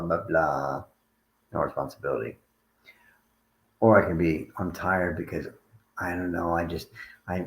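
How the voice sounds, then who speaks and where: Deep, gravelly man in an echoey room. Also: a little hiss or hum. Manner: rambling, conversational, frequent restarts. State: tired, yawning. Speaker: coach. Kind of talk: livestream talk to viewers.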